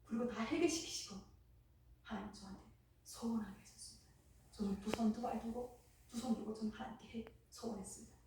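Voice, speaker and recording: A woman missionary from Korea, giving an impassioned church testimony that swings between hushed and loud. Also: on the high side, steady tone, a little fast, slight background noise. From North Korea. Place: church sanctuary. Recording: very echoey hall, mic far off.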